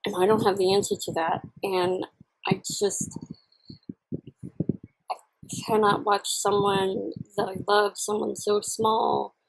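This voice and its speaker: A woman chatting candidly and casually to camera in a halting, reflective way, chewing while she talks. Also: mid-range voice, level tone, creaky, husky, low-quality recording. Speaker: vlogger. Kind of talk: casual personal chat to camera while eating.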